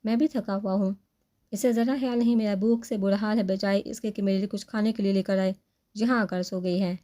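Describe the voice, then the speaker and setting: A woman's voice: medium pitch, fairly even intonation, mellow, natural voice. A woman voicing a possessive, impatient young husband in a storybook reading, in a demanding tone. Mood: insistent. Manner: insistent, demanding.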